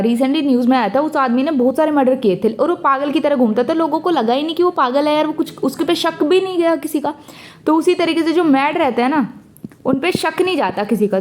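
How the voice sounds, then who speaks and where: A young woman teaching exam current affairs in a casual, chatty way, mixing English words into her talk and speaking straight to her students. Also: sits high. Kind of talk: casual lesson with memory tricks.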